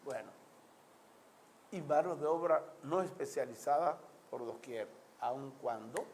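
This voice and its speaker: The recording is rough with slight background noise as a mid-range-voiced man from the Dominican Republic comments on politics and society for his audience. In his Caribbean Spanish accent he speaks emphatically, like an orator, building repeated lists and asking rhetorical questions.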